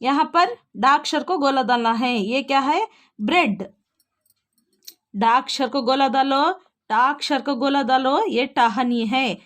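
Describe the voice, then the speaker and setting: A woman's voice: high voice, measured pace, fairly bright tone. A woman teaching an online primary-school language lesson, patiently spelling out words letter by letter for young children.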